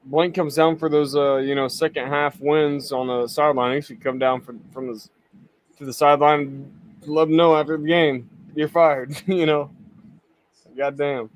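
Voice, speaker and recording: A man's voice: fairly high pitch, level tone, normal speed, no echo. A laid-back man chatting and laughing on a live watch party.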